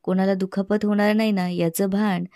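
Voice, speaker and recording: A woman reading out a calm old village saint. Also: mid-range voice, normal speed, dry recording, clean studio sound, close to an everyday voice. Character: calm elderly male village saint, gentle guide.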